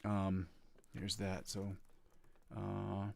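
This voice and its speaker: A congested man rambles casually on a guitar livestream, packing his talk with fillers. His darkish voice has vocal fry and a completely flat delivery at a very slow pace, though he pitches things upbeat to his viewers. There's slight background noise.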